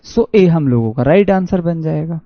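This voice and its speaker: A man with a Haryanvi accent teaches an online exam-prep English class, reading sentences slowly and answering his own questions. His voice is fairly high and animated, and the dry recording has dull, lo-fi audio with no room sound.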